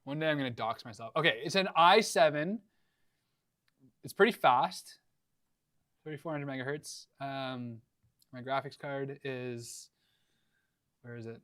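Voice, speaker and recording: A man's voice: medium pitch, a little slow, long pauses, a bit bright, no room sound, clean studio sound. A young man hosting a casual livestream from his workshop, answering viewer questions in a laid-back, rambling way with lots of fillers. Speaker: livestream host. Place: home workshop.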